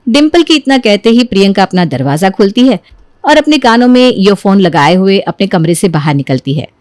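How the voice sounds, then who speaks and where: A woman narrating a family story in an even, explanatory way. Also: mid-range voice, fairly quick, no room sound, clean studio sound.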